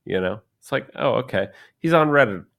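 A man in his thirties co-hosts a casual podcast chat, rambling and joking and often acting out the people he quotes. His mid-range voice is expressive, brisk, creaky, and fairly bright.

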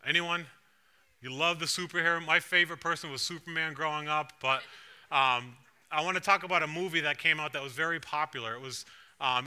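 A man's voice: a little high, bright, forceful tone. A man pastor preaching a sermon in a church, talking conversationally and putting questions to the congregation. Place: church sanctuary.

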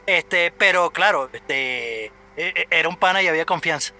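A man with a Venezuelan accent telling a story in casual chat, animated, stammering and cursing a lot. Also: fairly high pitch, normal speed, very noisy. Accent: Venezuelan Spanish.

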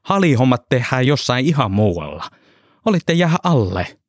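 A man's voice: mid-range voice, big pitch swings, no room sound, clean studio sound, pitched above the performer's own voice. Man voicing a cursing, rambling truck driver. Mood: rough chatty. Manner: curses often, rambles chattily. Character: loud swearing middle-aged male truck driver.

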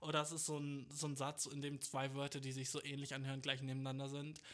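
A man's voice: mid-range voice, completely flat delivery, fast talker, fairly bright tone. A young man hosting a podcast, telling a rambling comic monologue full of slang and English swear words, laughing at his own jokes. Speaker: podcast host. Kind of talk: casual comedic podcast monologue.

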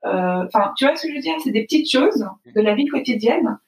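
A woman's voice: fairly high pitch, animated, brisk, a little mellow. A woman from France, speaking as an interview guest, reflective and full of hesitant fillers. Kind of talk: casual conversational interview. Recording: echoey room, distant from mic.

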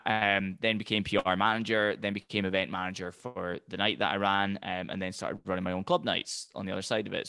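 Low-voiced man with a Highland Scottish accent. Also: gravelly, fairly bright tone, no room sound, studio quality. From Highlands of Scotland. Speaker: podcast guest, entrepreneur. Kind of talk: conversational personal storytelling.

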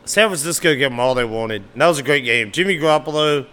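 A man's voice: medium pitch, animated, fast, pushed and bright, clean tone. A man hosting a solo sports podcast, talking casually and animatedly, sometimes arguing back at imagined listeners. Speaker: podcast host.

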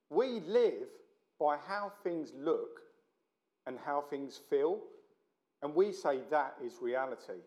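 A middle-aged man with a South London accent gives an informal sermon as a visiting preacher. His voice sits a little high for a man. He talks in a chatty, blokey, self-deprecating style, joking with his listeners. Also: a little mellow. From South London, England. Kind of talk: informal sermon to a church meeting.

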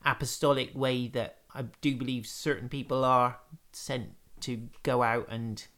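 A man who leads a church speaks at a mid-range pitch. His manner is affirming and encouraging, and he reminisces in a relaxed conversation about faith. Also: a little slow.

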